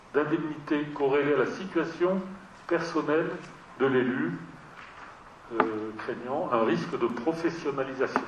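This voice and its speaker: Man chairing a council meeting, hesitant and halting, echoey room, far from the mic, dull sound. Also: on the high side, very noisy. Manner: hesitant, many fillers and restarts.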